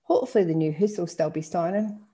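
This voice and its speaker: A calm, dry Glaswegian dad who reassures rather than fusses, as a woman reading a story puts him on. The voice is low and mellow, with a creaky edge. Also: quick pace, close to an everyday voice.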